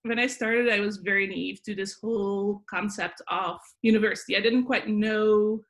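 A woman's voice: mid-range voice, steady tone, normal speed, fairly bright tone. A woman in her forties from the Netherlands with a Dutch accent, answering interview questions thoughtfully with many fillers and restarts. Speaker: guest, psychology professor.

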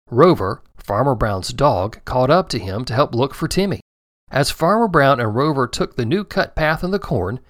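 A man narrating a children's story in a gentle, expressive storytelling manner. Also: mid-range voice, dry recording, clean studio sound.

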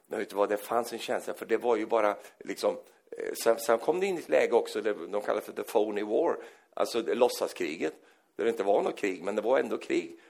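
A man preaching a sermon in an animated storytelling manner, often acting out the people he quotes. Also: lowish voice, gravelly.

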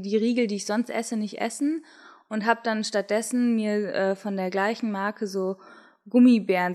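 A young German-speaking woman in casual conversation, telling a race story in a relaxed way with frequent fillers. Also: mid-range voice. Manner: relaxed, thinking aloud with fillers. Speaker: podcast co-host, triathlete.

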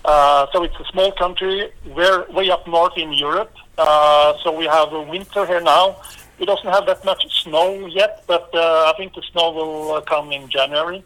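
Man, Norwegian accent, bright forceful tone, slightly high voice, halting with many fillers. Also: steady tone, rough recording. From Norway. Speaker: interview guest, former volleyball player. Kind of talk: casual interview answers.

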